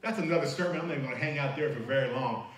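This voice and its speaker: A man's voice: mid-range voice, racing. A man preaching a sermon as pastor, emphatic and conversational. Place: church sanctuary. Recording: very echoey church hall, mic at a distance.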